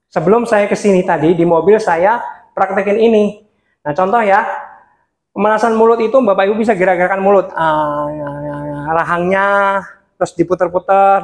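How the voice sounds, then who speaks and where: A man with a touch, teaching beginners how to preach in a lively workshop style, swinging his pitch up and down and laughing often. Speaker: preaching trainer. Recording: echoey room sound.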